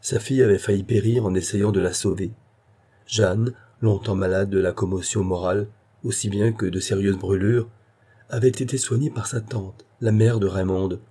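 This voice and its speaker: A man narrating a classic French novella in a measured literary reading. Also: on the low side, steady tone, mellow, slightly rough.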